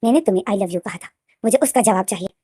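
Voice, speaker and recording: A woman voicing a possessive, menacing young male student who talks in a soft, smug, threatening way, in a plainly read story. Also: medium pitch, fast talker, slightly rough, no room sound, studio quality, close to an everyday voice. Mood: insistent.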